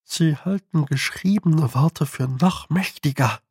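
A man's voice: a little high, slow pace, darkish tone, breathy edge, no echo, full character voice. A man voicing a dry, knowing talking toad who gives wry, muttered advice.

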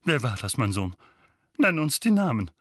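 A man's voice: mid-range voice, very animated, normal speed, a bit bright, dry recording, clean studio sound. A man reading an audiobook and voicing a bad-tempered, bullying uncle who growls and barks. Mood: blustering. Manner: barking, growling, blustering. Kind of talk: audiobook character voice.

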